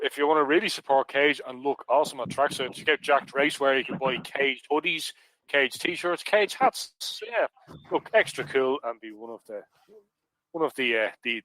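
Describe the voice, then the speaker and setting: A man's voice: mid-range voice, fairly bright tone, low-quality recording. An Irish man hosting a casual podcast panel, jokey and chatty, plugging merch with frequent restarts. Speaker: podcast host.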